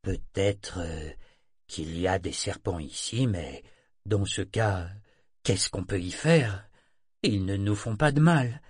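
A man voicing a gruff male sailor with a husky voice in a storybook reading, coaxing and bluffly forceful. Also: low voice, lively intonation, slow pace, no echo, studio quality, heavily acted. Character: burly male sailor, gruff and falsely cheerful. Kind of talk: audiobook character reading.

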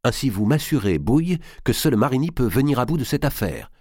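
Young stubborn king, put on by a male reader, voiced well above his own pitch, imperious. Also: big pitch swings, a little fast, a little mellow, no room sound, clean studio sound. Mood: insistent. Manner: imperious, pressing.

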